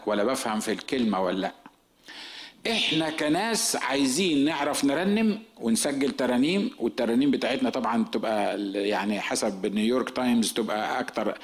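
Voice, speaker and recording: A man in his fifties with an Egyptian accent, a pastor giving a sermon as humorous, self-mocking storytelling. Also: medium pitch. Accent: Egyptian Arabic.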